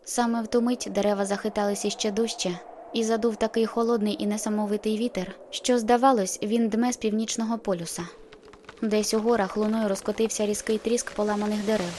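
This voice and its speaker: A woman narrating an audiobook in the first person, with steady, measured storytelling. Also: mid-range voice, a little hiss or hum.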